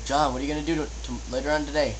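A man's voice: a little high, flat delivery, racing. A young man chatting casually in slangy bro talk, insistently repeating his questions. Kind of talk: casual chat. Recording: noisy amateur night-time recording.

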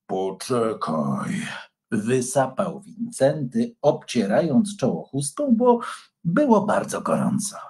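Slow, animated male storyteller. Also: mid-range voice. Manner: animated and unhurried. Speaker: reader of a children's story. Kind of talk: expressive storybook reading.

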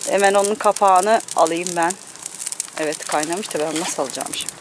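Chatty woman vlogging in a garden. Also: a little fast. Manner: chatty, talks sweetly to her pets in a high voice. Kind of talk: casual outdoor vlog narration. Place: garden outdoors. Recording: clear outdoor background noise.

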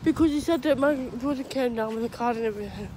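A young woman vlogger with a cold, sore throat and runny nose gives a hesitant, rambling update while walking her dogs along a street, her voice a little high, fast and slightly mellow but thick and clogged. She restarts often and fills gaps with fillers. Her phone is held low at arm's length, picking up outdoor traffic noise.

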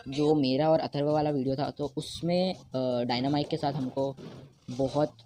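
A man giving live gameplay commentary from home, excitable and quick to repeat words over and over when he panics. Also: mid-range voice. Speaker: mobile game player. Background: game music.

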